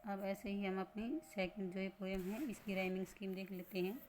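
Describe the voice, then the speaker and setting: A woman teaching a lesson. She explains slowly and patiently, repeating points and asking rhetorical questions. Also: medium pitch, level tone, darkish tone, a little hiss or hum.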